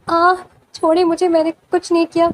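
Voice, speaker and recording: A woman's voice: very high voice, completely flat delivery, a little hiss or hum. A woman reading the part of a frightened young wife who cries and protests her innocence in a storybook romance. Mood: distressed. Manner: crying, pleading.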